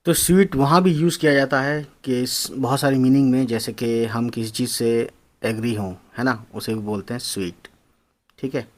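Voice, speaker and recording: In a casual, explanatory lesson, a man teaches English slang, spelling words out, repeating phrases, and calling his viewers friends. His voice is medium in pitch and steady in tone, and he talks at a normal speed.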